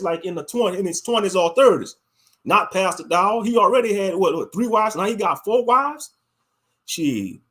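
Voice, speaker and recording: A man with a high-sitting, fairly bright voice with a breathy edge hosts a casual livestream and reads out viewer comments. He has a Louisiana accent, being from Louisiana, United States, and his talk is colloquial, with repeated phrases for emphasis.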